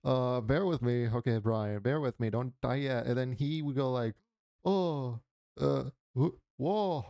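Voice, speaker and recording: A man's voice: mid-range voice, moderate pace, few pauses, dark tone, no room sound, dull audio. A man giving casual reaction commentary, rambling and joking while mimicking noises. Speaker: reaction channel host.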